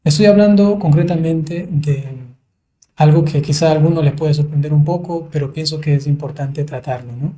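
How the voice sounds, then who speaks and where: A man, a priest, hosting a livestreamed conversation, speaking in a measured way with frequent fillers. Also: fairly high pitch, warm tone. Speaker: priest, host.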